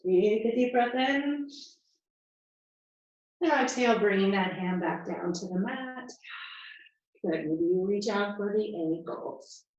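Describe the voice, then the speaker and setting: A woman leading a yoga class, giving calm, encouraging cues and counting breaths, a little out of breath as she moves. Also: medium pitch, takes it slowly, pauses often. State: slightly out of breath. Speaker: yoga instructor. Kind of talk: guided yoga class instruction. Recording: distant, echoey, muffled room sound.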